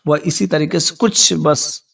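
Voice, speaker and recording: Male storyteller, raised gravelly voice, distant mic, animated delivery. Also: on the high side, measured pace. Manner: animated, acts out voices of characters in the tale. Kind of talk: devotional story narration.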